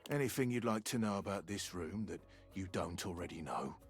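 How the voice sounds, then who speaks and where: A stiff robotic butler, very deep, mechanical politeness, faint music behind. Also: male voice, animated, a little fast. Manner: formal, mechanical and overly polite. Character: stiff, robotic male butler with a forced laugh.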